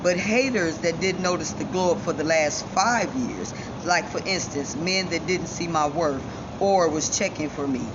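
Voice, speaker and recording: A woman's voice: low-pitched, normal speed. A woman from giving a defiant, self-assured personal monologue straight to viewers, her speech shaped by missing front teeth. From Chicago, United States. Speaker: vlogger. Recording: dull lo-fi sound, loud ambient noise.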